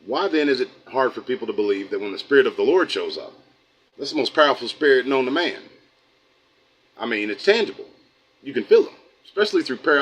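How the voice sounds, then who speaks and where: A middle-aged American man hosting a live stream, talking to his viewers in a loose, folksy, rambling way. He keeps sliding into preaching, and his voice sits at an ordinary middle pitch for a man. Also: muffled recording, slight background noise. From United States. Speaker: host of a livestream channel. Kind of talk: casual livestream talk, reading chat.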